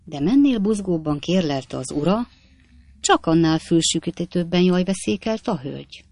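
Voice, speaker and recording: Low-voiced woman reading a novel aloud. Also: animated, darkish tone, dry recording. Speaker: audiobook narrator. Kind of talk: scripted narration of a classic novel.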